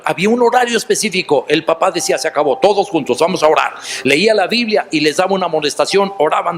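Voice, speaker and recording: A man with a Mexican accent preaching a sermon, telling stories and asking the listeners questions directly. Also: a little high. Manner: storytelling, addressing listeners directly with rhetorical questions.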